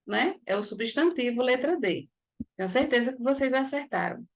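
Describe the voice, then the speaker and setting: Higher-voiced Brazilian woman teaching grammar. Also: expressive, moderate pace. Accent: Brazilian Portuguese. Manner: explains step by step with frequent tag questions. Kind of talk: exam-prep grammar lesson.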